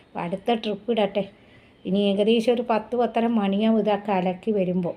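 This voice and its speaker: A woman chatting casually to her viewers about her home chores, often cooing to her pet dog in a high sing-song voice. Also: steady tone, a little fast, dark tone. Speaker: vlogger. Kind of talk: casual home vlog chat.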